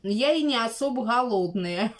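A woman's voice: a little high, expressive, moderate pace. A woman chatting casually while chewing food in an eating vlog. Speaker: vlogger. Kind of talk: casual mukbang chat.

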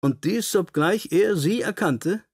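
Sherlock Holmes, husky and keenly inquisitive male narrator. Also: high voice, lively intonation, a little slow, a little mellow, dry recording, clean studio sound, pitched above the performer's own voice, heavily acted. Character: keen, courteous, self-assured male Victorian detective.

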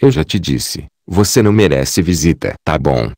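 A man's voice: rumbling low, very animated, normal speed, creaky, a little mellow, no room sound, studio quality, full character voice. A man reading a cold, contemptuous male cult leader in an audiobook, curt and harsh.

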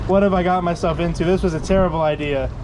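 High-voiced man over loud outdoor noise. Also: steady tone, quick pace. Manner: mock-dramatic nervous exclamations. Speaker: vlogger riding an amusement park log flume. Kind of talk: casual spontaneous ride commentary. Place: outdoors, aboard a moving log flume boat.

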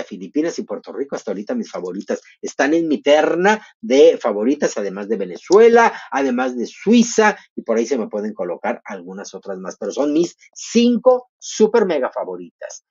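A man's voice: mid-range voice, a little mellow, breathy edge. A man hosting a live stream, chatty and effusive as he reads out viewer comments. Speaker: livestream host. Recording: dull lo-fi stream audio.

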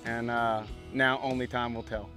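Outdoors at a ranch pen, a man in his thirties coaches a new bronc rider with a mid-range voice and flat delivery at normal speed, while music plays in the background. His instruction is loose and easygoing, full of "you know what I'm saying."

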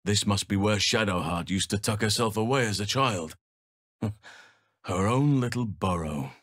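Voicing this video game druid, the actor is thoughtful and solemn, gentle but a bit wild, choosing formal, sincere, carefully paced phrasing. The fairly low voice is captured up close, dry, with no echo.

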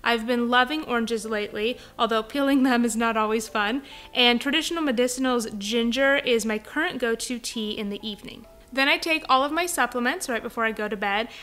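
Over soft background music, a pregnant young woman narrates and chats through her home vlog in a friendly, upbeat way. She speaks fairly quickly, with a voice that's a little high.

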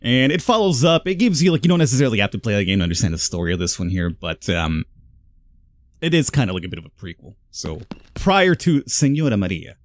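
A man's voice: on the low side, very animated, fast talker. A man hosting a horror game playthrough, chatting and rambling casually to his viewers. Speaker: gaming video host.

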